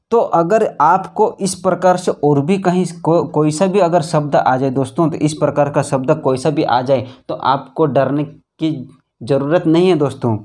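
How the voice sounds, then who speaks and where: A man's voice: on the high side, a little mellow. A man teaching a grammar lesson who keeps asking the class questions and then answering them himself, stretching out single letters and syllables as he spells. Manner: repeats questions to students, calls them friends; slow, drawn-out syllables when spelling letters.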